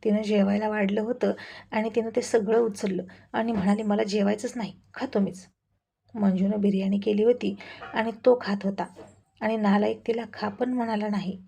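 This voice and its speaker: A woman's voice: mid-range voice, fairly even intonation, normal speed, creaky, dark tone, breathy edge. A woman narrating a family story in a chatty way with mocking asides.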